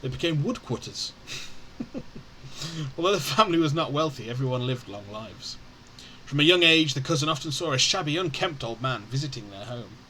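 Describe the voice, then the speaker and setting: Bright-voiced man reading game lore. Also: medium pitch, animated, fairly quick, a little hiss or hum, rough recording. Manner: stumbles and corrects himself, self-mocking. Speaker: streamer.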